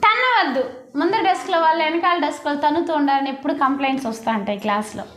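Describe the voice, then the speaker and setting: A woman's voice: high-pitched, animated, rapid-fire, a bit bright, echoey room. A woman teaching a primary school class, coaxing the children to repeat after her. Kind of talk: classroom lesson.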